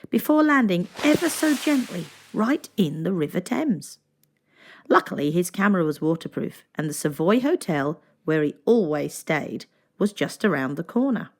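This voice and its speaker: A woman whose voice sits on the low side reads a children's storybook aloud, telling it expressively and deliberately.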